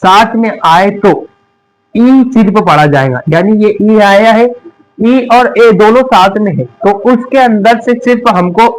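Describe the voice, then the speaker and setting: The recording is rough, and his voice is high and unhurried. This young English teacher with a Hindi accent works through his lesson by posing every word as a question before giving the answer.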